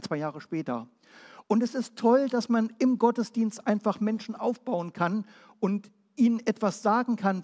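A pastor from Berlin preaches a Pentecostal sermon, firing off rhetorical questions before dropping to a quiet, low voice. His words trail off with a long reverb tail.

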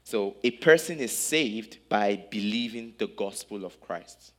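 Slow, low-voiced Nigerian-born man preaching. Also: lively intonation, a bit bright. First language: not German. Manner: speaks in short phrases, pausing for the interpreter. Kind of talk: sermon in English with live interpretation.

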